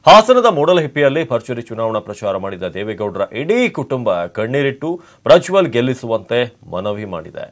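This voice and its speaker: A male news anchor with a Kannada accent reads the headlines in a formal studio style. His pitch is lively and varied, with a middle-pitched voice. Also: fairly quick.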